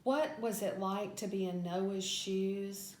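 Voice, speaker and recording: A woman's voice: medium pitch, fairly even intonation, slow pace, darkish tone. A woman Sunday school teacher reads a scripted Bible story lesson aloud in a storytelling delivery. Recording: echoey room with background noise.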